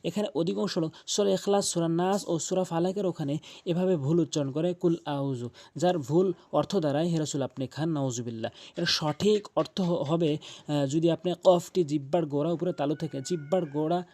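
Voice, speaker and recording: A man with a Bangladeshi Bengali accent teaching Quran letter pronunciation, drawing out each sound slowly with pauses and repeated demonstrations. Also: fairly high pitch, mellow. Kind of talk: step-by-step pronunciation lesson.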